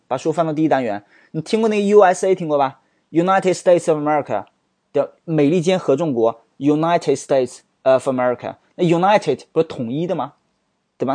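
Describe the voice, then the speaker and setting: A man's voice: a little high, a little mellow, dry recording. A man teaching English vocabulary, explaining word roots, spelling words out letter by letter and firing off rhetorical questions. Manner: asks many rhetorical questions.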